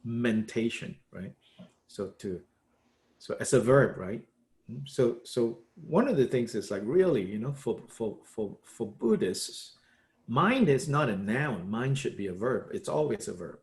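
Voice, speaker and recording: Animated man teaching a book study. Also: mid-range voice, unhurried. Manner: animated, repeats words, many "uh" and "you know". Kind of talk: lively explanatory teaching.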